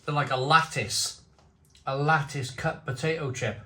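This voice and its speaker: A man with a bright, forward voice of middling pitch talks as a casual reviewer, often circling back over his own phrases. The room is echoey, with faint noise behind him. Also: steady tone. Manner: halting, repeats phrases. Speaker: food and beer reviewer. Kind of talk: casual unscripted video review. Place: home conservatory. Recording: roomy echo, faint background noise.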